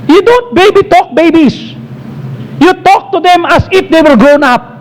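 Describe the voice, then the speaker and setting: A man's voice: very high-pitched, expressive, measured pace, slight background noise, poor audio. A man with a Filipino accent preaching a sermon as pastor, emphatic and exhorting, switching between Tagalog and English. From Philippines.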